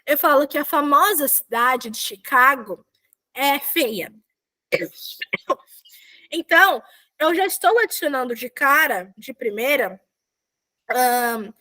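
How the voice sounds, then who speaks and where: A woman's voice: sits high, pushed and bright. A young woman teaching a casual online language lesson, chatty and often correcting herself and checking in with students. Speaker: volunteer Korean teacher.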